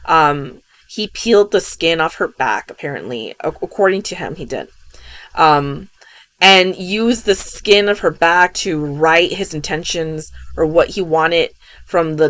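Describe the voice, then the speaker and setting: This podcast host has a low, unhurried female voice. Her retelling of an odd true case is loose and meandering, peppered with "um" and "you know."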